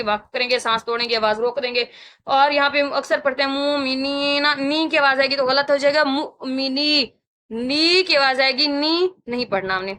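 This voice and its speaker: A woman's voice: on the high side, bright, forceful tone. A woman with a Pakistani Urdu accent teaching Quran recitation rules, explaining each rule and patiently repeating sounds several times for students to copy. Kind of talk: tajweed lesson with slow chanted recitation.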